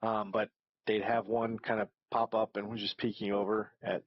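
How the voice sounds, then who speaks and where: A man hosts a reaction video and rambles casually, breaking into his own sentences with fillers. His voice sits at a middle pitch. It sounds dry and close, with a slightly dull, lo-fi tone. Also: little pitch movement, normal speed, dry recording. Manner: rambling, hesitant, with many fillers.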